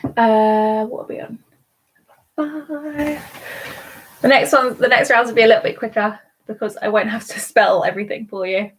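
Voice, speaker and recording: A woman hosting a live online quiz from home, chatting casually and spelling out words slowly letter by letter. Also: on the high side, fairly even intonation, slightly rough. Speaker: quiz host. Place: at home alone.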